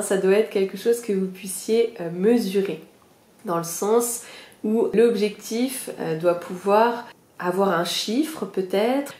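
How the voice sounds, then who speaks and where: A woman's voice: mid-range voice, darkish tone, reverberant. A young woman hosting a podcast, explaining a goal-setting method in a casual, chatty way, with many fillers and direct, reassuring asides to her listeners. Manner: chatty, many fillers, self-mocking laughs. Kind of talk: casual spoken lesson.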